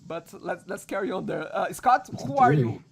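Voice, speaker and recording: A man's voice: high-pitched, very animated, normal speed, vocal fry, a little hiss or hum. A man hosting a casual online video chat. He laughs often and restarts his phrases. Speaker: host.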